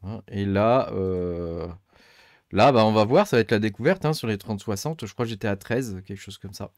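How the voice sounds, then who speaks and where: Low-voiced man rambling through a tutorial. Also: normal speed, a little mellow, no room sound, clean studio sound. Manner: rambling, thinks aloud with many fillers. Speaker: tech channel host. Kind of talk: casual screen-recorded tutorial.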